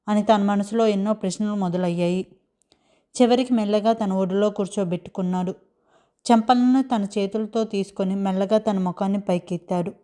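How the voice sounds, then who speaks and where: Woman storyteller, mellow tone, soft scripted romance narration. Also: mid-range voice.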